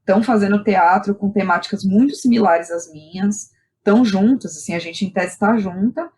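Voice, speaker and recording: At a normal speed and medium pitch, with a darkish tone, a Brazilian playwright and director tells stories from her life as a podcast guest. Her style is candid and informal, rich in slang and tag questions.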